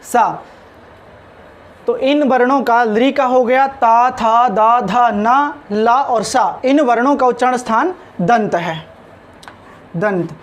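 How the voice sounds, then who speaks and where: A man's voice: extremely high pitch, slow pace, dull audio. A man teaching a spoken lesson on pronunciation, sounding out each letter carefully.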